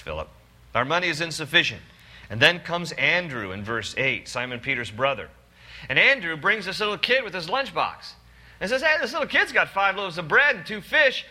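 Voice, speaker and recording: A man preaching a sermon, animated and acting out the people in the story with put-on voices. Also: high-pitched. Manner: animated, acts out quoted characters in put-on voices. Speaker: pastor.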